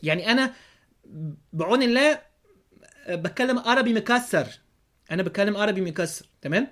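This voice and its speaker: Man, Egyptian accent, podcast host, rapid speech, sarcastic, keeps asking rhetorical questions. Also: high-pitched, lively intonation, a bit bright. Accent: Egyptian Arabic. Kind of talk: religious commentary monologue.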